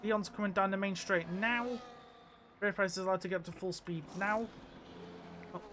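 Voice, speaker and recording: Male sim racing commentator with a high voice, casual and rambling, often restarting mid-sentence. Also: fairly even intonation, fairly quick, bright, forceful tone, slight background noise. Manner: chatty, restarts and apologises. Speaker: race commentator.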